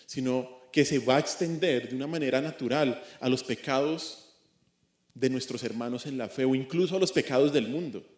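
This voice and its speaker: A man's voice: mid-range voice, darkish tone, reverberant. A man preaching an expository sermon as a pastor, earnest, asking rhetorical questions and repeating his points. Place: church.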